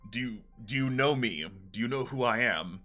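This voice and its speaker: A man's voice: medium pitch, lively intonation, moderate pace, pushed and bright, soft background music. A man voicing a shaken young man who earnestly pleads with a ghost in a tabletop game. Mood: pleading.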